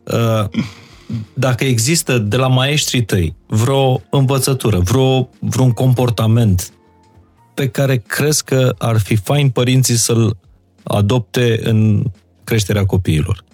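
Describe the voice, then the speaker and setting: A man's voice: mid-range voice, a little mellow, soft background music. A man hosting an interview, asking thoughtful questions with hesitant fillers. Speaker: interviewer, host. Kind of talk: conversational interview.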